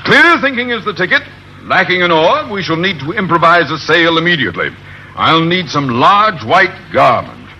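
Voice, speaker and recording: A man's voice: a little high, sing-song, normal speed, exaggerated voice. An American man playing a pompous, blustering middle-aged captain who is a coward underneath, in old radio sitcom style. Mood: pompous, commanding. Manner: pompous, grandiloquent, theatrical. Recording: noisy old radio broadcast, loud studio audience.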